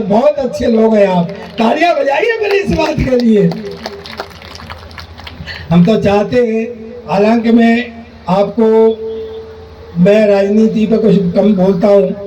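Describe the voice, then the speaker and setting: A man's voice: high-pitched, mellow. A man performing comedy poetry live on stage, joking directly with the audience and acting out dialogue. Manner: jokey, addresses the audience directly, acts out dialogue. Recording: dull, echoey, distant hall recording.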